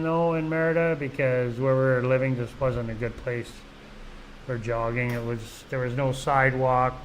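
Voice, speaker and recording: A man's voice: mid-range voice, slight background noise, low-quality recording. A middle-aged man from Canada hosting a casual live vlog, rambling along with lots of "you know" and restarts. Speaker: vlog host. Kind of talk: casual live-stream chat.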